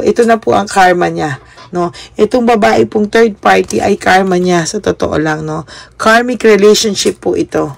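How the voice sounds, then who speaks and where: A woman's voice: mid-range voice, creaky, dry recording. A young adult woman giving a tarot reading monologue, politely addressing the listener and ending phrases with a questioning tag, mixing in English words. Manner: polite, adds a questioning tag after nearly every phrase; mixes Tagalog with English words. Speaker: tarot reader.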